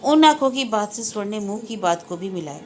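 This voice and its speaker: A woman's voice: mid-range voice, expressive, faint music behind. Woman reading a novel aloud. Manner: measured, literary. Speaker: narrator.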